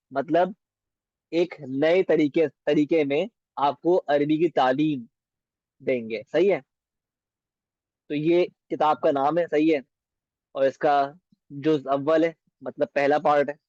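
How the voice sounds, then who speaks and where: Slow, patient male language teacher. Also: fairly high pitch, a little mellow, no echo, highs cut off. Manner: patient, repeats words slowly and checks understanding. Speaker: Arabic teacher. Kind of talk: beginner language lesson.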